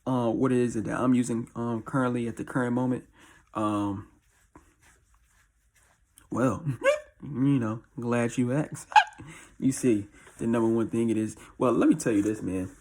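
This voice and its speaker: A man with a deep, husky early-morning voice, chatting casually as a video host in a slangy, repetitive way. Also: measured pace, pauses often, a little mellow. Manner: slangy, informal, repeats catchphrases. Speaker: YouTube host. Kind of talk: casual chat to camera.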